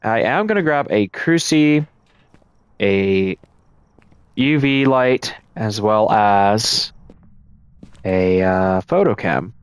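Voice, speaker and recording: A man's voice: fairly low pitch, extremely slow, pauses often, smooth, dry recording. A man streaming a ghost-hunting game live, casually thinking aloud and explaining his moves to the chat. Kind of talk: live gameplay commentary.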